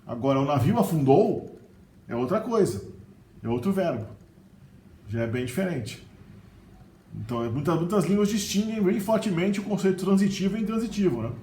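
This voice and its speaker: A man's voice: high voice, expressive, moderate pace, pauses often, warm tone, slight background noise. A middle-aged man with a Brazilian Portuguese accent, giving a casual video lesson on vocabulary, often tagging sentences with a questioning "né?". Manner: chatty, often adds "né?". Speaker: language teacher. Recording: roomy echo with faint ambience.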